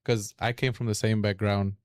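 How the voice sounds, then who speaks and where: Man with Fiji Indian accent, Fiji Hindi native speaker. Lower-pitched, crisp delivery for conversational panel talk. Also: little pitch movement, normal speed, a little mellow, no echo. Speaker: real estate agent and lender on a panel.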